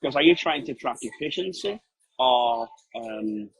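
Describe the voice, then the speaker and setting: A man's voice: sits high, animated, measured pace, gravelly, rough recording. A man chatting casually as a call-in guest, explaining emphatically and posing questions that he then answers. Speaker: call-in guest, print production operator. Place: outdoors at a pub. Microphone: video call.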